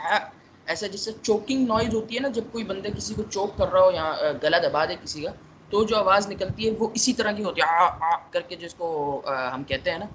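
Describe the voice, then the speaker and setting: A man's voice: high-pitched, bright, forceful tone, slight background noise, low-quality recording. A man teaching a class, explaining patiently and saying letter sounds aloud to show how they are made. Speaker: tajweed teacher.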